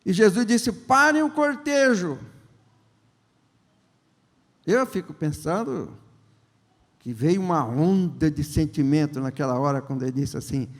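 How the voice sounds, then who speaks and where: High, lively preaching bishop in echoing hall. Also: male voice. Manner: conversational, joking, asks the congregation questions; acts out the characters' lines in quick voices. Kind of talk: sermon. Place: large church hall. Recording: long church-hall reverb.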